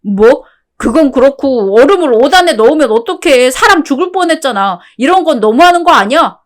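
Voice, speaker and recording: A synthetic voice playing a careless husband, defensive, whiny, pleading questions, radio-drama style. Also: male voice, very high-pitched, expressive, brisk. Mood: shocked.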